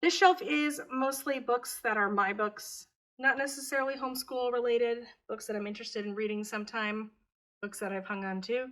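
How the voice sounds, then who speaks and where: With a fairly high pitch and moderate pace, this homeschooling mom and channel host chats her way through a home tour vlog indoors. Middle-aged and raised in Taiwan, she keeps things relaxed and matter-of-fact.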